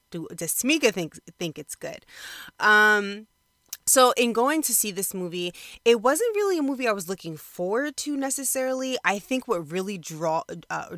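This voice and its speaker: A woman's voice: medium pitch, fairly bright tone, dry recording. A woman giving a casual solo review in natural, unscripted talk, conversational and rambling as she thinks aloud with frequent hesitations. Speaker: movie reviewer.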